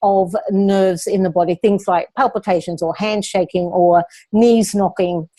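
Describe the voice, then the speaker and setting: A woman hosting a live question-and-answer session as a speaking coach, explaining techniques in a calm, guiding way. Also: medium pitch, a little slow.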